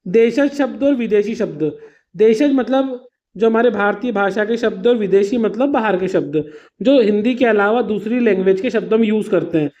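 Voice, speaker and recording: A man's voice: high voice, normal speed, a little mellow, dull audio. A man teaching an exam revision lesson to students. He explains patiently with simple examples, calls his students "beta" and slips English words into his explanations.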